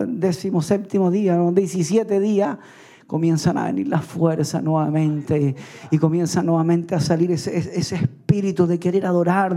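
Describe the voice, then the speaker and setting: A middle-aged man delivers a church sermon in a raised, mellow voice. He tells his own story earnestly, slipping in small chuckles and asides to the congregation. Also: sits high. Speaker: pastor. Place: evening church service.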